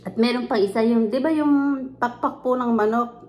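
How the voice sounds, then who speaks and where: A woman's voice: on the high side, moderate pace, a little mellow. A woman with a Filipino accent hosting a mukbang, chatting casually and chewing as she talks. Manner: chewing while talking. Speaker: mukbang host. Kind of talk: casual chat while eating.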